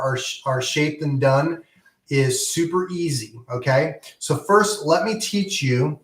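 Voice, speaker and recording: A man's voice: mid-range voice, reverberant. A man teaching an online guitar lesson in a casual, encouraging way, with many ums and okays. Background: guitar playing.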